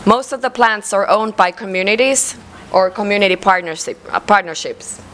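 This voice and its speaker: A woman with a Finnish accent giving a conference presentation, measured and hesitant, with frequent fillers. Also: medium pitch, a bit bright, a little hiss or hum, poor audio. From Finland. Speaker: conference speaker. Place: conference hall.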